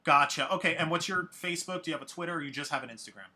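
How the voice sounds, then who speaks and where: A man hosting a live online showcase, upbeat and brisk like an announcer. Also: on the high side, a crowd in the background. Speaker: showcase host.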